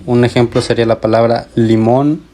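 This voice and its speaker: A man presenting a school lesson on word stress, halting with fillers and correcting himself. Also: mid-range voice, fairly even intonation, warm tone, a little hiss or hum.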